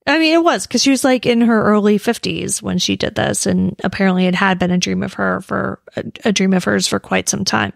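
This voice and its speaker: A woman with an American accent and a creaky voice, telling true crime stories conversationally as a podcast host. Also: mid-range voice, fairly quick, hardly any pauses, no echo, clean studio sound. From United States. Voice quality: creaky vocal fry. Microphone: close podcast microphone in a dry room.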